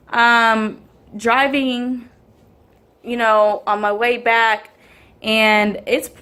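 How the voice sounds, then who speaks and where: A woman's voice: fairly high pitch, a bit bright. A woman, casually telling a story to the camera, rambling with many ums and restarts. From Houston area, Texas. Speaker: vlogger and mother.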